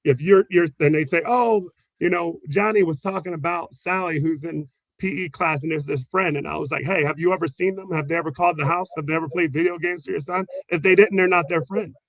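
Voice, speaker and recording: This man, who teaches special education, talks briskly in a fairly high voice while answering an interview, animated, laughing often, and performing the quotes he recalls. There's no room sound, and the audio quality is low.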